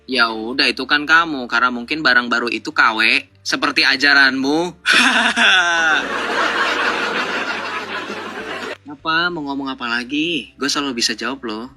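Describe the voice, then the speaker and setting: A man with a very bright, forceful, piercing voice hosts a live debate stream. He lectures and needles his callers, firing rhetorical questions and scoffing at their answers. His tone stays combative and sure of itself. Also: mid-range voice, brisk.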